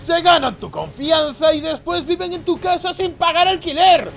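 Panicky young male ghost hunter, cartoon game story: very high, swooping, creaky, dramatic. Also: lively intonation, moderate pace, a bit bright, exaggerated voice. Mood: agitated. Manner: dramatic, exclaiming, protesting. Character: excitable, panicky young male friend obsessed with hunting ghosts. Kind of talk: Minecraft roleplay story acting.

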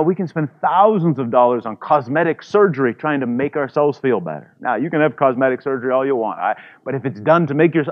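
A man's voice: on the high side, lo-fi sound. A man preaching a sermon as pastor, in an easygoing, conversational way, full of "you know" asides.

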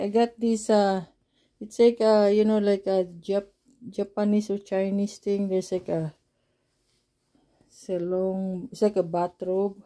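A woman chatting casually as she shows off her home basement, halting and often searching for words. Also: medium pitch, dark tone. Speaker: vlogger. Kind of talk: casual home tour chat.

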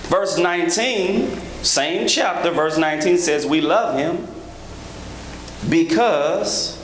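Man, 30s, preacher, rhythmic emphatic sermon, echoey church sanctuary, noisy background. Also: takes it slowly. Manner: rhythmic preaching, rising to high emphatic peaks; joking asides to the congregation. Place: large church sanctuary, at a pulpit. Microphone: handheld microphone.

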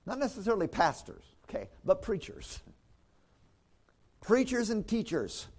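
A man's voice: high voice, expressive, measured pace, darkish tone. A man preaching a sermon as pastor, in a conversational way with chuckles and restarts.

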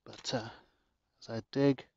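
A man giving a casual how-to narration in his garden, relaxed and chatty with jokey asides, recorded on a handheld phone. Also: medium pitch, a little slow, creaky, no echo, highs cut off. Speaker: gardening vlogger. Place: home garden, outdoors.

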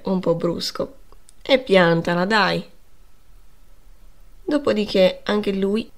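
A woman narrating a classic novel as an audiobook in a measured storytelling manner. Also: medium pitch.

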